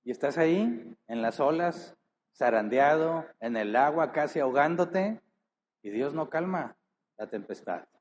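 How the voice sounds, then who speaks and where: A man's voice: a little high, animated, a little hiss or hum. A male pastor preaching a sermon, reading scripture aloud and then pressing the listeners with rhetorical questions, leaning into key words. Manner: earnest, drawn-out emphasis with many rhetorical questions.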